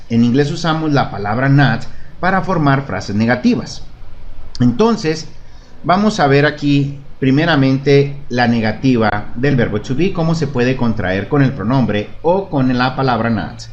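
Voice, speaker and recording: A man with a mid-range voice and lively intonation speaks a little slowly as he teaches a beginner English lesson in Spanish online. He patiently models phrases for students to repeat and asks "¿De acuerdo?" to make sure they follow. The recording has its highs cut off.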